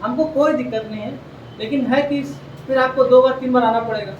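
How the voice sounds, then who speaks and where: A man gives a classroom lecture, repeating key facts and firing questions at his students. His voice sits high, and the room rings around it. He is heard from a distance, with faint background noise. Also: steady tone, fairly quick, highs cut off. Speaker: coaching teacher. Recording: echoey classroom, heard from afar.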